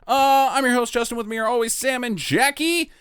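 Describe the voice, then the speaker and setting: A man hosting a podcast in casual, sarcastic banter, his voice squeaking upward at the ends of phrases. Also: fairly quick, fairly bright tone, clean tone, no echo, clean studio sound. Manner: sarcastic, teasing, profane. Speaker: podcast host.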